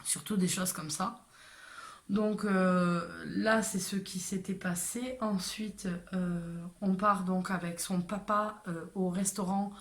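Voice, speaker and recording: A woman's voice: mid-range voice, steady tone, slow pace. A woman telling a personal story to camera in a casual way, hesitant with many fillers and restarts.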